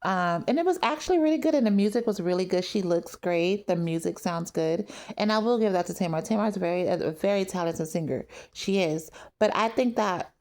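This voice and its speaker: A woman's voice: fairly low pitch, brisk, few pauses, a little mellow. A woman giving blunt, candid opinions on reality TV in a casual vlog. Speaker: reality TV commentator.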